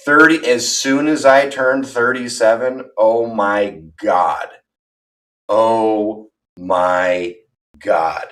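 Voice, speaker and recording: A man's voice: fairly low pitch, fairly even intonation, very slow, a bit bright. A man in his thirties chatting casually on a livestream, rambling and candid, poking fun at himself. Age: 30s. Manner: rambling, candid and self-deprecating. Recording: voice from far off the mic.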